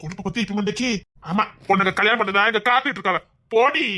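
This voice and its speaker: A man with a Tirunelveli Tamil accent playing a gruff, stubborn young man who keeps pushing his lover away. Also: sits high, fast, bright, forceful tone. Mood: bickering. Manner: curt, scolding, begging. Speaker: male lead in a comedy skit.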